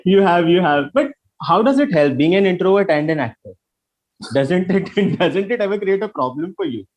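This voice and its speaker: A man with an Indian accent hosts an entertainment interview in a conversational way. His voice is high for a man and his pitch moves around in a lively, animated fashion. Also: normal speed. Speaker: interview host.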